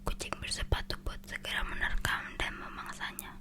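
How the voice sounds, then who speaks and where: A storyteller with an Indonesian accent reads fairy tales aloud in a whispered ASMR style, now and then stumbling and correcting the words. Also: moderate pace.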